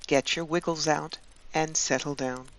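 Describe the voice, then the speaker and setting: A woman hosting her channel and leading a guided meditation in a calm, soothing voice. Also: sits low. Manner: slow, calm, soothing delivery with long pauses.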